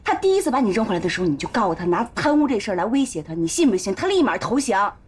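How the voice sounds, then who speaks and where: A shrewd, sharp-tongued friend who scolds at high speed. Her voice is husky and breathy and bounces up and down. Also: sing-song. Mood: lecturing. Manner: fast, scolding, lecturing.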